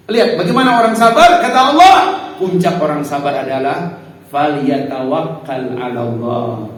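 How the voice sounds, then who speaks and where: A male preacher giving an animated mosque sermon, acting out prayers and speaking to the congregation. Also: on the high side. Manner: lively, animated, acts out prayers, addresses audience as Pak. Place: mosque hall. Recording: very echoey hall, mic far off.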